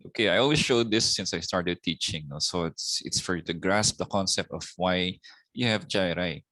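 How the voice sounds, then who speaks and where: A middle-aged man with a Filipino accent giving a slow anatomy lecture, often ending points with a questioning "no?". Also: deep voice, bright, forceful tone, no room sound. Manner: slow, repetitive teaching with tag "no?". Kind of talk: recorded lecture.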